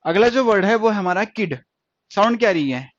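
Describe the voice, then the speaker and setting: A man teaching stenography in an online lesson, explaining step by step and repeating words and sounds slowly. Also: high-pitched, lively intonation, no echo. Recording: dry, dull lo-fi sound.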